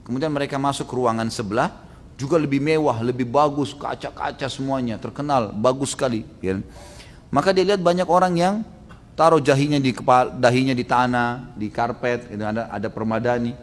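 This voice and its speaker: A male Islamic preacher giving a storytelling sermon, acting out quoted characters with lively shifts and frequent tag questions. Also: medium pitch, fairly quick. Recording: long reverb of a large hall.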